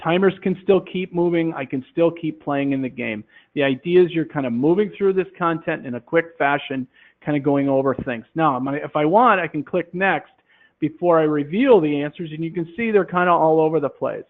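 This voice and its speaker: A man demonstrating a classroom quiz game, explaining in a relaxed way with many fillers into a headset. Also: fairly high pitch, a little fast. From Minnesota, USA. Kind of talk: software demonstration talk. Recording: tinny phone-like line.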